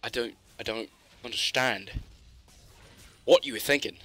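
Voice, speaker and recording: A young man doing joking live esports play-by-play that bursts into shouted hype calls. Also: medium pitch, measured pace, faint music behind. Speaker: esports caster.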